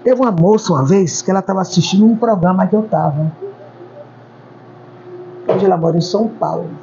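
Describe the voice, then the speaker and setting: A woman tells stories from her life as a hair stylist, stacking repeated words for emphasis. Her voice is warm and mellow. The recording is dull and lo-fi, with a faint noise behind her. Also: fairly low pitch, fairly quick. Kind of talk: interview storytelling.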